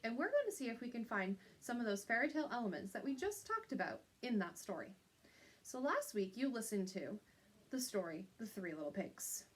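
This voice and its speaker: A woman with a somewhat high, husky voice addresses young pupils as their teacher. She explains things point by point in an instructional style, often tacking on short tag questions to check they understand.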